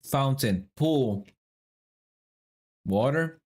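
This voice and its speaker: Speaking very slowly in a mid-range, slightly mellow voice, a young man streams himself working through a word puzzle, animated as he thinks aloud. He mutters guesses, swears now and then, and asks his chat if he's got it right.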